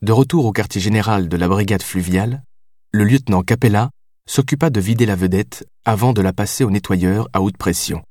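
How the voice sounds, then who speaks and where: A man narrating an audiobook in a measured, steady reading. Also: lowish voice, dry recording, studio quality.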